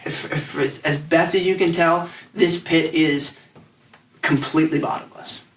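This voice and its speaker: A man narrating a tabletop game as game master, describing scenes in halting, rambling phrases with many restarts. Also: fairly high pitch, fairly even intonation, fairly bright tone, recorded from a distance, a little hiss or hum. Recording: echoey room, off mic.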